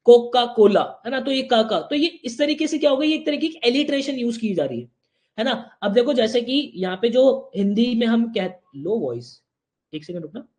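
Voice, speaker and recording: Male teacher, live online exam-prep class; chatty, constant check-ins, slow example sentences. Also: very high voice, darkish tone.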